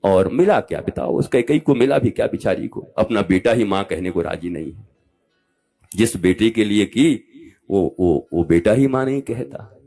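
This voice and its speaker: A man in his fifties, a spiritual teacher, giving a live discourse. He speaks animatedly, rising to loud exhortation and dropping to soft asides as he addresses his listeners directly and affectionately. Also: lowish voice, expressive, normal speed, creaky. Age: 50s.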